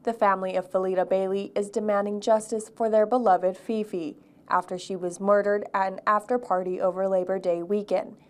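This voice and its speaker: A woman's voice: medium pitch, little pitch movement. Young woman reporting the news. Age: young adult. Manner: measured, clear reporter delivery.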